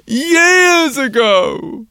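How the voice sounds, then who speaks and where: A flustered, forgetful little boy, put on by a man reading a storybook squeaks out his answers in a high, loud, stammering rush. The voice keeps tripping over its words and swings widely up and down. It is recorded close and dry, with no room around it. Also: sing-song, drawn-out words, vocal fry, no room sound, full character voice. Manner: stammering, breathless, high and eager.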